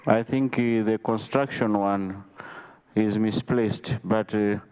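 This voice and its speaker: A man with a Malawian accent chairing parliament as Speaker in a formal, measured, procedural manner. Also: fairly low pitch, fairly even intonation, a little mellow, smooth. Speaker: speaker presiding over parliament. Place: parliament chamber.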